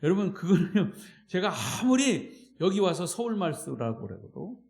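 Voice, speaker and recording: A man with a Chungcheong Korean accent, a pastor preaching emphatically and calling on the congregation, shifting between loud and quiet. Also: high-pitched, big pitch swings, normal speed, vocal fry. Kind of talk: sermon. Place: church at evening worship.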